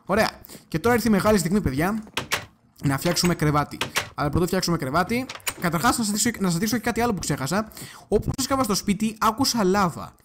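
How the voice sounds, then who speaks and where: Excitable man narrating his gameplay. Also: high voice, noisy background. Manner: chatty and excitable, bursts into loud cursing; talks straight to viewers. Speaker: gaming video creator. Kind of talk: casual gameplay commentary.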